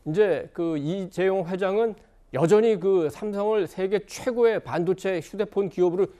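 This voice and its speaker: A male newspaper editorial writer on a TV news panel, laying out points in a measured way with hesitant pauses. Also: sits high, dark tone. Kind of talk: TV panel commentary.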